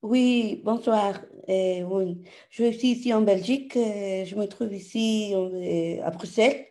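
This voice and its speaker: A woman in her thirties, a native Spanish speaker with a noticeable Spanish accent in French, joins an online call. Her voice sits at a medium pitch and sounds mellow. She speaks haltingly, with many hesitations. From Ecuador. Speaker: caller.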